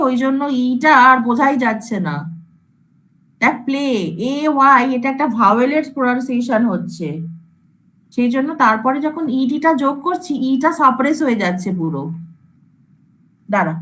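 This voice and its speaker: High-voiced woman lecturing a class. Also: fairly bright tone, low-quality recording. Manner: explains by repeating example words, checks if students follow; mixes English terms into her speech. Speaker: computer science lecturer.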